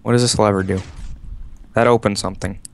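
A man's voice: on the low side, steady tone, a little fast. A man playing a game with friends, chatting casually and reading in-game text aloud dramatically. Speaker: game player. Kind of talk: casual gaming chat.

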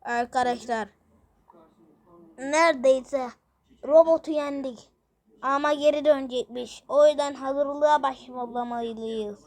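A woman narrating a game video in a playful way, often breaking into excited exclamations. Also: sits high, takes it slowly, long pauses. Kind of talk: playful game commentary with many character voices.

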